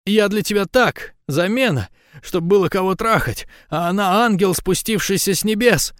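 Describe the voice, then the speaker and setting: A man reading an audiobook, voicing a jealous, tearful young woman who shouts her accusations. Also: moderate pace, no echo, studio quality, natural voice. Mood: furious. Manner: shrill, accusing, breaking into shouts. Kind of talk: audiobook dialogue.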